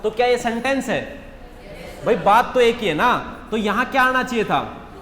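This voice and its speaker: A man's voice: very high voice, lively intonation, normal speed, a bit bright. A male English teacher going over mock test answers in a classroom, constantly putting questions to the class and answering them himself. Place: classroom with students. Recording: echoey hall with faint background hum.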